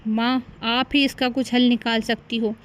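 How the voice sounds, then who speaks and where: A woman's voice: fairly high pitch, little pitch movement, moderate pace, lightly acted. A woman voicing a meek, harried young husband in a cartoon story, weary and pleading. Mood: despairing. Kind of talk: cartoon voice acting.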